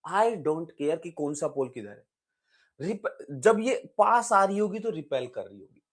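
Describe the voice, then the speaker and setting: A male physics tutor with a fairly high voice explains exam problems in a lively, conversational way. He keeps checking in with his students and slips English technical terms into his talk. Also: a little slow. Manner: lively, chatty teaching that asks the students questions. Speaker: physics teacher. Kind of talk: exam-prep physics lecture.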